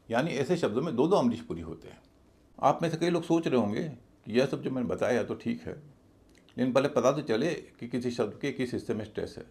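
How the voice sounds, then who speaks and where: A man's voice: mid-range voice, vocal fry, a little mellow. A man teaching an English pronunciation lesson, patiently spelling words out letter by letter. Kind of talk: spoken lesson explaining pronunciation.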